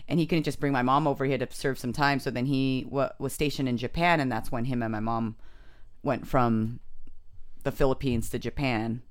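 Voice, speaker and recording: A woman's voice: very deep voice, normal speed. A woman in her thirties from the United States, a comedian chatting casually in an interview and acting out other people's lines as she tells stories. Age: 30s. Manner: animated storyteller who acts out other people's lines. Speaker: comedian guest.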